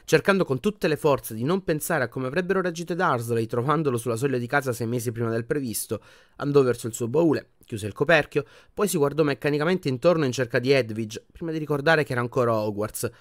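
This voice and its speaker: A man narrating an audiobook in an expressive reading voice that often drops to a hushed tone. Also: mid-range voice, fast, dry recording, studio quality. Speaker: audiobook reader.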